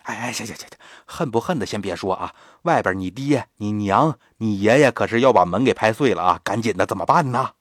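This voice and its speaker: A man's voice: fairly low pitch, expressive, fairly quick, dry recording, studio quality, pitched below the performer's own voice. A man doing a sly fake Taoist priest. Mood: flustered.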